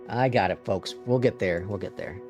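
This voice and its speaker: A man from the Upper Midwest, Minnesota or North Dakota, with a Midwestern accent, streams a flight simulator live, chatting casually, muttering to himself as he works the controls, and swearing mildly. His voice is on the low side and a little mellow, at a moderate pace over soft background music.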